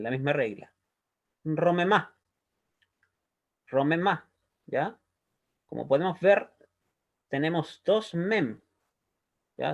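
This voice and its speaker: In this recorded language lesson, a male Hebrew teacher with a slightly high voice walks through the material step by step, and the highs sound cut off. He's patient, often checking understanding with a quick "¿ya?".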